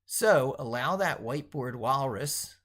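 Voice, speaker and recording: A middle-aged man, a tech educator and video host, reads his own essay aloud while still working on it. His mid-range voice is a bit bright, with lively intonation and an unhurried pace, and his delivery is theatrical, wordy and emphatic.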